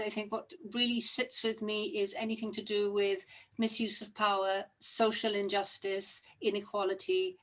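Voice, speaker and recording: Female academic panellist, middle-aged or older, medium pitch, considered and earnest. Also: fairly bright tone. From Swansea, Wales. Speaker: panel guest, academic researcher. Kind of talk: considered self-introduction.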